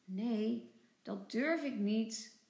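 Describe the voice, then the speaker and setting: A woman's voice: fairly high pitch, extremely slow, vocal fry, a little mellow, reverberant, exaggerated voice. A woman reading a storybook aloud and voicing a timid, stubborn little boy.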